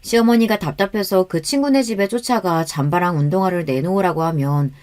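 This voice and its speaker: A woman's voice: on the low side, brisk, darkish tone. Woman narrating a first-person story.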